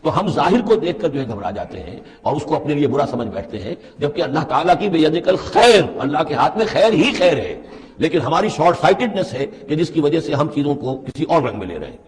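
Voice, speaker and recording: A man teaching a Quran commentary, reciting verses and then explaining each one in a measured lecturing manner. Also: on the high side, very animated, in a large hall. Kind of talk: Quran translation and commentary lesson.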